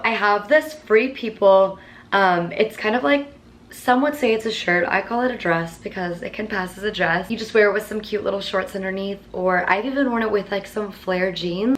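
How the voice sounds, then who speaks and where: A woman chatting casually to her viewers in a vlog about her monthly favorites, earnest and full of filler words. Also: medium pitch. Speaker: vlogger.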